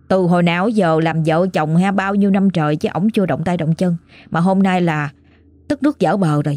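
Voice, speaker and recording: A woman with a Southern Vietnamese accent hosts and retells a listener's ghost story, chatty and exclamatory with lots of fillers. Her voice is mid-range and warm, in the style of casual spoken storytelling.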